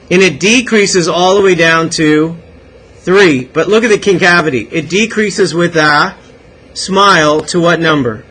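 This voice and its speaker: Bright high-voiced Canadian math teacher. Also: male voice, slightly rough, poor audio. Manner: encouraging, asks many questions. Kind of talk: classroom lecture. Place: classroom.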